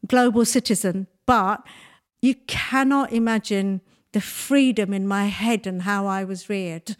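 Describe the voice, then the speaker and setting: Speaking a little slowly at medium pitch, a Bengali-speaking woman in her sixties who grew up in Nigeria shares childhood memories in a relaxed interview chat. She appears as a guest, telling her stories with liveliness and frequent laughter.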